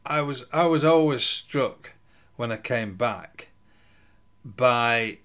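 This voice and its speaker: A man's voice: mid-range voice, slow pace, fairly bright tone. A middle-aged man from Sheffield, chatting casually as a podcast co-host. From Sheffield, England. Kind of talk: casual conversation.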